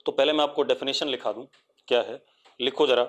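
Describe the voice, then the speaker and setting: A man with an Indian accent and a medium-pitched voice teaches physics in a live online session. He prods his students with repeated questions and waits for answers, then dictates definitions in English slowly, word by word.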